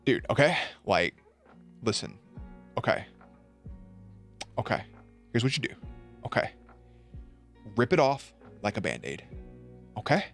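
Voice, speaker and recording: A man's voice: lowish voice, very animated, measured pace, gravelly, long pauses, faint music behind, exaggerated voice. A man imitating a laid-back male friend giving blunt advice, clipped and insistent, repeating "okay".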